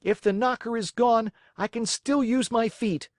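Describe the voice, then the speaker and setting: A man's voice: sits high, animated, measured pace, dry recording, clean studio sound, voice pushed up. Pinocchio, voiced by a man, a pleading puppet boy. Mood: angry. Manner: eager, pleading.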